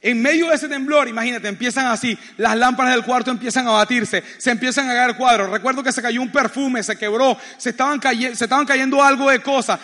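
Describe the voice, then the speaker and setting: A man preaching, telling a personal story with lively acted-out voices. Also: very high-pitched, brisk, hardly any pauses, long reverb tail. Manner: animated, acts out voices in his story. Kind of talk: sermon storytelling.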